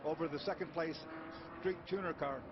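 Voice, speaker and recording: Fast, high-voiced male motorsport commentator. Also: steady tone. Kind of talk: live race commentary with expert analysis. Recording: dull broadcast audio over loud car noise. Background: loud race cars outdoors.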